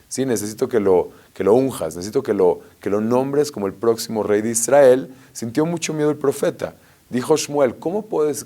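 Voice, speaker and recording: A rabbi giving a lively Torah lesson, telling stories and asking rhetorical questions. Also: male voice, fairly low pitch. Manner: animated storyteller, asks rhetorical questions.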